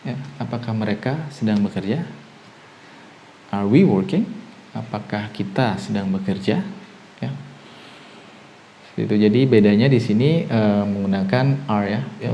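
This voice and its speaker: A man teaching an online English grammar lesson with an Indonesian accent, explaining step by step and ending nearly every phrase with a quick "ya". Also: fairly low pitch, gravelly, highs cut off, a little hiss or hum.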